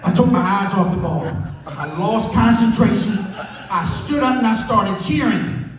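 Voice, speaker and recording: A man's voice: high voice, animated, unhurried. A man telling profane stories at an open mic, acting out the dialogue. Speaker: stand-up comedian. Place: comedy club stage. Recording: echoey hall, distant mic, crowd.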